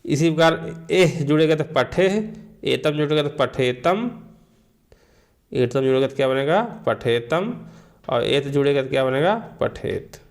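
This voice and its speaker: A man teaching a Sanskrit grammar lesson, drilling listeners with slow call-and-repeat recitation. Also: mid-range voice.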